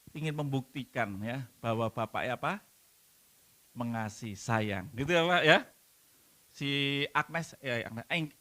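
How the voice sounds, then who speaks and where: A man preaching, talking in a conversational, animated way and putting questions to the congregation. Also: a little high. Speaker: pastor. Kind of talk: sermon.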